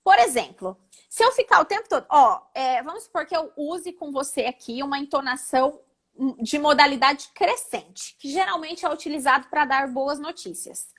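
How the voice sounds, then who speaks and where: High-voiced woman teaching public speaking. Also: expressive, normal speed, fairly bright tone. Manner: didactic, demonstrates intonations. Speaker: oratory instructor, guest speaker. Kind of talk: live online talk, teaching.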